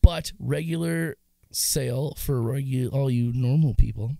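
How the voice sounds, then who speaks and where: A man guest on a podcast in casual chat, joking, crude and lively as he plugs his products. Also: medium pitch, a little slow, creaky, dry recording. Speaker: guest, hot sauce maker.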